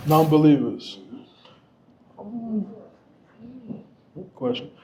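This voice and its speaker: A man's voice: a little high, big pitch swings, drawn-out words, dark tone. A man speaking candidly and casually to an audience as a featured guest, laughing often. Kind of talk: candid storytelling to a live audience.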